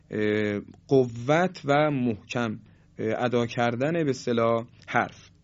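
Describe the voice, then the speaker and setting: A patient male teacher walks through pronunciation rules at an unhurried pace. He stretches out each example sound and speaks with courteous formality. His voice sits at an ordinary middle pitch, and the recording has a slightly muffled, lo-fi quality. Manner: slow, patient explaining with drawn-out example sounds; polite formal phrasing. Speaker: Quran recitation teacher. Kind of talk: tajwid lesson on letter qualities.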